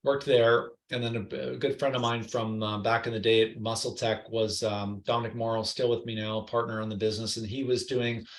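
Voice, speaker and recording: A man guest in a podcast interview, telling lively anecdotes full of quoted voices. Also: medium pitch, a little fast, few pauses. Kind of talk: storytelling interview chat. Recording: roomy echo.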